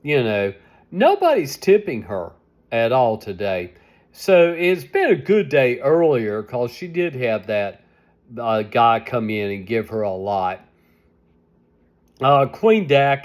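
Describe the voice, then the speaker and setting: Slow, rambling seventy-year-old man. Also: mid-range voice, lively intonation. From United States. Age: 70s. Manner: rambling, complaining, repeating himself. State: sleepy and tired. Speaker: vlogger. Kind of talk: casual vlog monologue.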